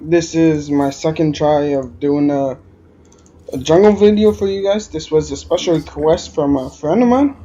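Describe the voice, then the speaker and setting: Speaking at a moderate pace with a somewhat high but dark-toned voice, a man from Alberta rambles through commentary on his game. He has a Quebec French-tinged accent and hesitates constantly, saying "uh" a lot. The recording sounds muffled.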